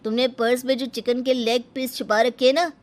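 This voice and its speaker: An indignant cartoon man as a woman puts him on with a high voice. He scolds emphatically and accusingly, like an offended wedding host. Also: little pitch movement, fairly quick, lightly acted.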